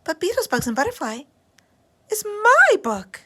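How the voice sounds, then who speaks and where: A woman voicing an excitable little girl who pleads in an insistent, sing-song way while reading a storybook aloud. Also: medium pitch, normal speed. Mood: insistent pleading.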